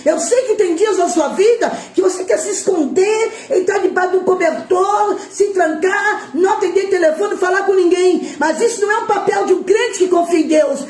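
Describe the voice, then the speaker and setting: A middle-aged Brazilian woman preaching an emotional Pentecostal sermon, impassioned, shouting and tearful at times. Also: very high-pitched, normal speed, hardly any pauses, reverberant. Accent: Brazilian Portuguese.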